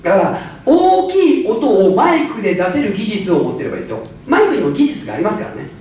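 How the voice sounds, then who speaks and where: A man giving a speech-coaching seminar to a live audience on a handheld microphone, animated and laughing often as he swings between loud and soft delivery. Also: high voice, fast, very echoey, far from the mic, slight background noise. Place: large hall with a microphone.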